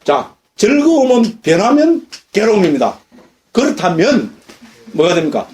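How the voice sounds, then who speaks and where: A middle-aged man, a Buddhist monk, giving a lively dharma lecture and asking his listeners questions. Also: high voice, moderate pace. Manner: lively, questions the audience often. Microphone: lecture recording.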